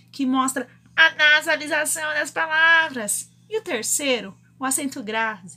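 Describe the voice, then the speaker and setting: A woman's voice: high-pitched, sharp tone. A Brazilian woman teaching an online Portuguese grammar lesson, asking the class questions and answering them herself.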